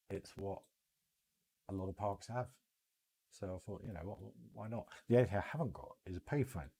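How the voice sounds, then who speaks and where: Low and mellow, this British man's voice carries casual commentary on his game livestream. He chats loosely and wanders from thought to thought as he thinks aloud.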